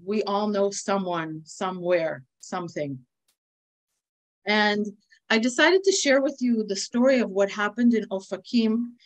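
On a video call through her webcam, an American woman who speaks for a nonprofit talks earnestly and in a measured way, pausing often with "uh." Her voice is medium-pitched and the audio is poor. She's indoors with a virtual flag background.

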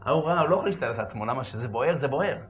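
A man preaching as a rabbi, telling a story with acted-out shouts and sudden loud bursts. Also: medium pitch, animated, heavy background noise. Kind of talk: animated storytelling sermon.

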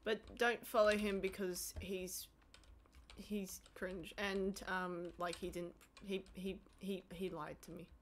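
A woman's voice: medium pitch, level tone, takes it slowly, a little hiss or hum. A woman chatting casually while streaming a game, with a blunt, sweary way of talking. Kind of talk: casual live gameplay chat.

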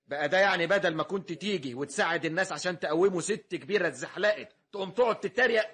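An actor playing an indignant young son with an Egyptian accent, breathy and protective, in a radio comedy. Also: male voice, high voice, racing, fairly bright tone. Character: indignant young son defending his mother.

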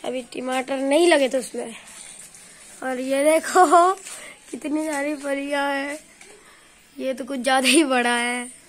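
A woman's voice: high-pitched, fairly even intonation, slow, long pauses. A young woman casually touring a village house, pointing things out for the camera. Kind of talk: casual vlog tour. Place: village house and yard outdoors.

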